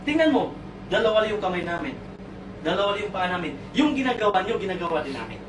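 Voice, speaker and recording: At a sales orientation, a man with a high voice talks fast, giving a comic motivational speech where he teases the audience and fires questions at them. He's an animated storyteller who slips English phrases into his talk. The recording comes from an echoey seminar room full of people, with the mic far away and lots of noise.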